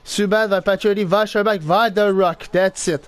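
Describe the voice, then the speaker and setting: A young man with a Québécois French accent giving excitable live commentary over his own hockey video game, swinging between groans and shouts. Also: high-pitched, normal speed, dry recording. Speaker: gaming YouTuber.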